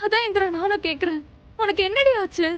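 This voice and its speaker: An actress playing an anxious young wife who pleads tearfully, over TV drama music. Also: female voice, very high-pitched, lively intonation, fast talker, muffled recording. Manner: anxious, pleading, near tears. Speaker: Kavya, elder sister-in-law. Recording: TV drama with loud background music.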